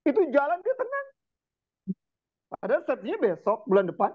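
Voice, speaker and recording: A man preaching in a relaxed, chatty way, telling stories with lively turns and chanting verses slowly. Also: extremely high pitch, no room sound. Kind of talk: casual religious talk. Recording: tinny phone-like sound.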